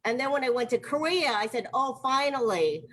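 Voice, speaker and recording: Performing stand-up over a video call, a young woman from Ohio, USA, speaks in a high-pitched, expressive, brisk voice with a fairly bright tone. Her storytelling is chatty, full of fillers and laughter, with faint noise in the background.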